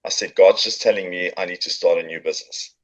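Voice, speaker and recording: In a muffled recording, a middle-aged man with a South African accent talks quickly in a deep voice with fairly even intonation. A business owner and podcast guest, he tells his story with jokes and fillers during a casual interview chat at a coworking space.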